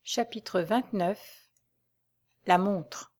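A woman reading a novel aloud as an audiobook narrator, in an even storytelling way. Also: medium pitch, extremely slow, music in the background. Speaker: audiobook reader. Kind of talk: scripted narration.

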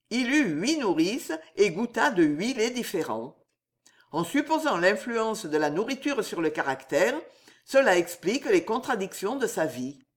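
Woman narrator, animated lively pitch, audiobook reading of historical prose, measured and expressive.

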